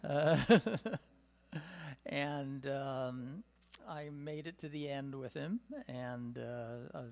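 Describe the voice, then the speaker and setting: An older man with a gravelly, darkish voice at a middling pitch for a man sits at a table in a meeting room, speaking into a desk microphone on a stand. As a symposium panelist, he tells long, rambling stories from his past. His personal reminiscence is full of "uh" and "um" fillers and small chuckles.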